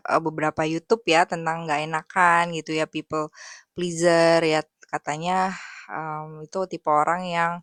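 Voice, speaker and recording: A young adult woman, an English teacher, sharing thoughts in a casual, reflective monologue, soft-spoken and hesitant with many fillers. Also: low voice, vocal fry, dry recording, clean studio sound.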